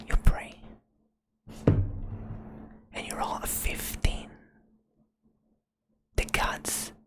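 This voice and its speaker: Speaking as a storyteller, a woman whispers softly into the microphone the whole way through, guiding the listener through a fantasy adventure told in the second person as ASMR narration.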